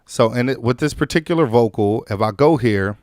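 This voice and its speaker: Man, slightly hoarse, casual tutorial host, rambling with fillers, bone-dry close mic. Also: medium pitch, brisk, a little mellow, no room sound. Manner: loose, conversational, many fillers and restarts. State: recovering from illness, slightly hoarse. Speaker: music production tutorial host.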